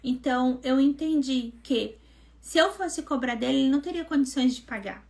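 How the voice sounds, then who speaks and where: High-voiced woman telling a testimony. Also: normal speed, gravelly. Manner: animated storytelling, acting out quoted dialogue; conversational, addresses listeners as gente. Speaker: devotional mentor and host. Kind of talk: testimony in a live online devotional.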